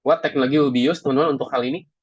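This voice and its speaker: A man teaches a classroom lesson in a chatty way, asking the students questions and often calling them "teman-teman" as if they were friends. He talks very fast in a medium-pitched voice with a breathy edge and fairly even intonation. The recording is dry, with the highs cut off.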